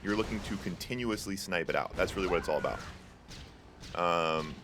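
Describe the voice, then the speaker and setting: Background noise accompanies a young man's low voice at a normal speed as he gives live play-by-play on a strategy game. He hosts the tournament stream himself and keeps the talk casual, full of fillers and jokes with chat.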